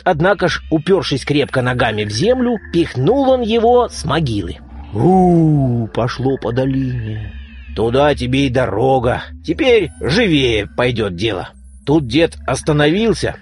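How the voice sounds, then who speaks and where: A man reading a folk tale aloud with a dramatic, animated delivery. His voice climbs and dips freely and sits somewhat high for a man. Soft music plays faintly behind him. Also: slightly rough. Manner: dramatic, varied pitch, acting out creature cries. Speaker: storyteller. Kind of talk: expressive storybook reading.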